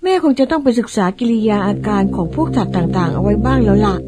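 A woman's voice: mid-range voice, very animated, fast talker, very noisy, close to an everyday voice. A woman acting in an old-style radio drama as a fussy, easily startled mother who exclaims and wonders aloud. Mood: puzzled.

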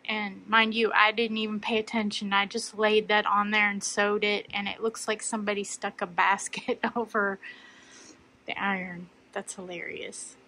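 A quilting channel host measures and cuts fabric at the cutting table in her sewing room, chatting and thinking out loud. Her medium-pitched voice is flat and sharp-toned at a moderate pace. The poor audio carries a little hiss or hum.

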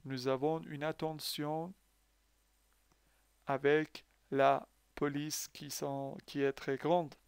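A man's voice: a little high, little pitch movement, takes it slowly, creaky, clear, resonant tone, no room sound. A man teaching a French lesson to learners who speak Persian. He is patient, asks the class questions and then answers them himself. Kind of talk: language lesson.

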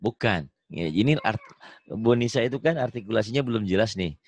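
A deep-voiced male teacher on a video call, walking a beginner through Quran reading. He models each syllable loudly and coaxes with light jokes. The sound is dry and close. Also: lively intonation, a little fast, no echo. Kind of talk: online one-on-one reading lesson.

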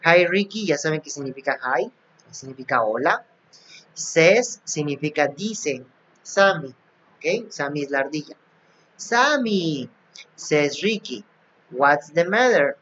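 Slow-talking male English teacher, dull sound. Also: a little high, expressive, a bit bright, a little hiss or hum. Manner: repeats and translates each English phrase. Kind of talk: recorded class for young pupils. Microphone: recording app, device not seen. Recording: dull lo-fi app recording.

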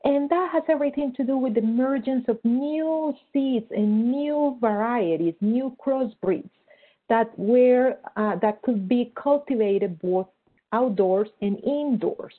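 A woman's voice: fairly high pitch, unhurried. Woman, tinny video call. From Colombia. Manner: earnest, explanatory, many fillers like "kinda like" and "right?". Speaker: guest historian. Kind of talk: academic seminar talk and Q&A.

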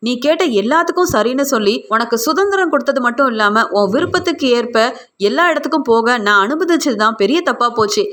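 A hurt middle-aged mother reproaches her daughter in an aggrieved way, read out by a woman narrator. The voice is high and plain. It comes from a spoken retelling of a TV serial. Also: a bit bright.

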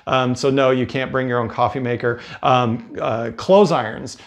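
A man in his fifties with an American accent hosts a cruise advice video, explaining things casually and conversationally. His voice is medium-pitched and steady at a normal speed. He's in an indoor room with bookshelves, recorded on a lapel mic.

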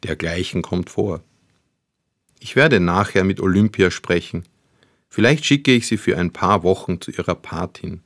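A man's voice: low voice, a little slow, a bit bright, no room sound. A man voicing a grumpy, weary old father who speaks sternly and dryly. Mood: calming. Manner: stern, dry, sighing.

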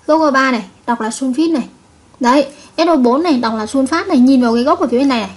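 Husky high-voiced woman teaching chemistry. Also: very fast. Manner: patient, repeats and checks with "right?". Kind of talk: online video lesson.

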